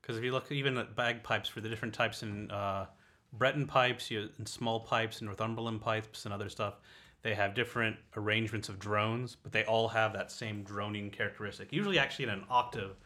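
A man's voice: fairly low pitch, fairly even intonation, a little fast, sharp tone. A man in a casual, explanatory conversation, piecing his thoughts together as he goes.

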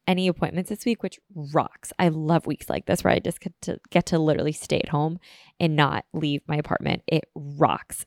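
A woman in her twenties, slightly sniffly with a cold, rambles chattily on her own podcast, leaning heavily on fillers. Her fairly low voice comes through a dry, clean studio recording.

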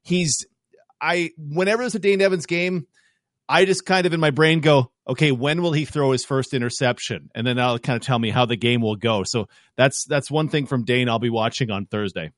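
Male sports analyst, mid pitch, lively, quick asides, dry close-mic sound. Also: dry recording. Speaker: football analyst guest. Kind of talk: casual sports talk.

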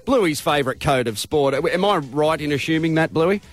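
A man's voice: fairly high pitch, animated, normal speed. An Australian man presenting a radio breakfast show in a chatty, colloquial, matey way on a studio microphone.

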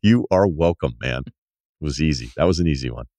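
Really deep voiced guy, casual podcast host reading emails, dry close sound. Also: animated, a little fast, warm tone, dry recording.

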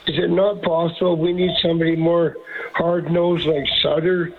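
A man's voice: fairly high pitch, level tone, moderate pace. A man calling in to a sports radio show, asking a hesitant, rambling question. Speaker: caller. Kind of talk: call-in radio. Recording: tinny phone line.

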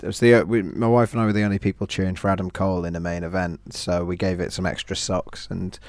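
A man hosts a relaxed football podcast, his low voice a little hoarse. He talks with dry, self-deprecating humour and the odd chuckle. The sound is close and dead, with no room echo. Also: quick pace. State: slightly hoarse. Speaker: podcast host. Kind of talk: casual football podcast chat. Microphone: remote call, own mic.

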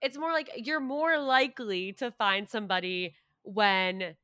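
A woman in her late twenties hosting a podcast interview, candid and self-deprecating, and quick to laugh. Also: medium pitch, pushed and bright, clean tone, no room sound, studio quality. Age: 20s. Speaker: podcast host. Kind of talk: casual interview chat.

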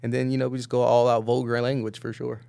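Creaky young frat-bro guy with slangy swagger. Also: mid-range voice, little pitch movement, fast, warm tone. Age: young adult. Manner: hyped frat-bro slang, lots of dude and profanity. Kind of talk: casual banter about music.

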